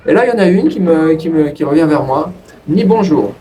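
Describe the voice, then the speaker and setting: A man casually telling a personal story to his viewers in a rambling way, with frequent restarts. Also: a little fast. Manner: rambling, restarts, lively pitch jumps. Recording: distant from the mic with faint ambient noise.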